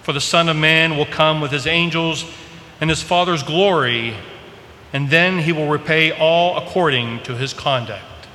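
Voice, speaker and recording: A priest reads the Gospel and gives a homily at Mass in a large, reverberant church, where a long cathedral-like echo carries his voice over background noise. He speaks a little slowly, his voice on the high side, bright and forceful.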